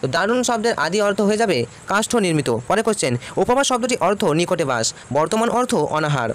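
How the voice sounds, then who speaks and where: A man's voice: sits high, big pitch swings, fast. A man, teaching by reading out exam questions and repeating each answer.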